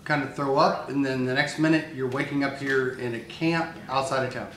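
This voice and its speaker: A man running a tabletop game as game master, narrating in a relaxed, hesitant way with many fillers. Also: mid-range voice, moderate pace. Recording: echoey room with loud noise.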